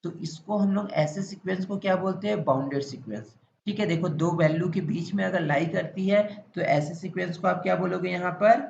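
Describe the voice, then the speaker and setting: A man with an Indian accent lectures a maths class, his voice sitting fairly high. He repeats points and fires questions at the students, then answers them himself. The sound is roomy and echoey, a little muffled, with faint background noise. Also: vocal fry, a little mellow. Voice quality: repetitive, drawn-out explanatory delivery. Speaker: maths teacher.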